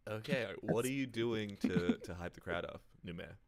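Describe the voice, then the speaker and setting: A man's voice: lowish voice, normal speed, creaky, crowd noise. A man narrating a tabletop game casually as game master.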